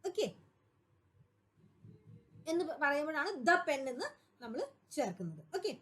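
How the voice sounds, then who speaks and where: A woman's voice: high-pitched, big pitch swings, measured pace, a bit bright. A woman with a Malayali accent teaching English grammar for an exam class, patiently repeating points and answering her own questions. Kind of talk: explanatory exam-prep lesson.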